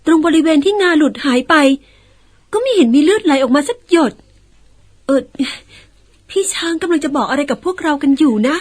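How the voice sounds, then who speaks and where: Very high, gentle young daughter, old radio drama style. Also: female voice, animated, normal speed, pauses often. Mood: polite, thoughtful. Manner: coaxing, polite, carefully explaining. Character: gentle, polite young daughter, patient and reasoning.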